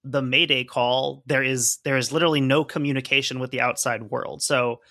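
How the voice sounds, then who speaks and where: A man's voice: mid-range voice, steady tone, moderate pace, creaky, sharp tone, no room sound, studio quality. A man co-hosting a podcast, reading from a report and chatting casually with lots of fillers. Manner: conversational, hedging with fillers while explaining. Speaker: podcast co-host.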